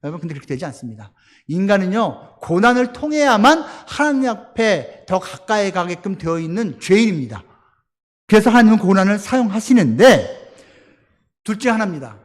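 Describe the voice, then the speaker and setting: A man's voice: sits high, sing-song, a little fast. A male pastor preaching a sermon in a church, storytelling with animation and acting out voices. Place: church sanctuary. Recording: long church hall reverb.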